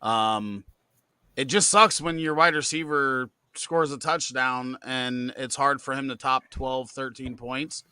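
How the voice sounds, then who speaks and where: Easygoing male co-host, very bright tone, dead-dry close-mic sound. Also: medium pitch, takes it slowly, clean tone, dry recording. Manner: relaxed, easygoing, with fillers. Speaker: podcast co-host reading viewer questions. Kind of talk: casual live Q&A chat.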